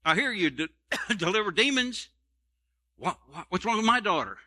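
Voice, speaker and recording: A man's voice: high-pitched, big pitch swings, normal speed, sharp tone, voice pushed up, heavily acted. A man preaching voices a Canaanite mother who complains, indignant and folksy, that she is being ignored. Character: indignant Canaanite mother pleading for her daughter.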